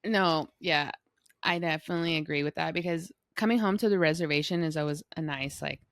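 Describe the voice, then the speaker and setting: A woman's voice: deep voice, fairly quick, dry recording. A young American woman from Arizona co-hosting a podcast, chatting informally and agreeably with lots of "like". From Flagstaff, Arizona, United States. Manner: informal, filler-heavy, agreeable. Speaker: podcast co-host. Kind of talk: casual chat.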